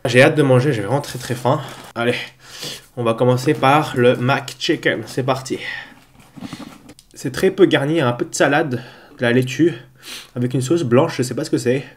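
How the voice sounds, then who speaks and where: A man speaks at a medium pitch with the stuffed-up sound of a blocked nose. He chats casually and somewhat haltingly, as a food vlog host talking to viewers. The home recording carries clear background noise. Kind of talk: casual vlog talk to camera.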